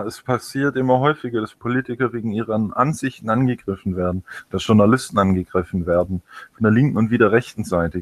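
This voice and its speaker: A man's voice: on the low side, dry recording. A man co-hosting a casual political chat show, talking with hesitant, stammering restarts. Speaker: podcast co-host.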